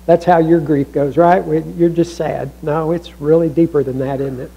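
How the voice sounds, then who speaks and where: Preaching as a pastor in church, a man with a husky voice keeps a steady tone at a moderate pace. He talks conversationally with restarts and asides, ranging from raised emphasis to near-whispered lows, and the audio is dull.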